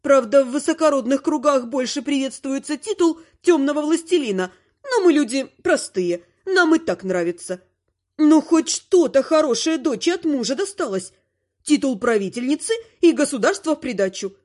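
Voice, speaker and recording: A woman reads a first-person fantasy story aloud. Her voice sits high for a woman. She tells the story in a wry, lively way. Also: moderate pace. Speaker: audiobook narrator. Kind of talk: first-person fiction reading.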